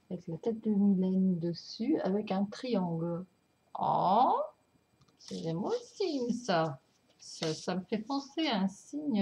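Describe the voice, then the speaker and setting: A woman speaks slowly in a soft, mellow voice, full of fillers and little apologies as she shows off her records. She gets excited and laughs often, her voice drifting near and far from the camera mic. A faint hiss sits under the recording. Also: medium pitch, creaky. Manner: hesitant, many fillers and apologies. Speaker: record collector showing vinyls. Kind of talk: casual unboxing vlog.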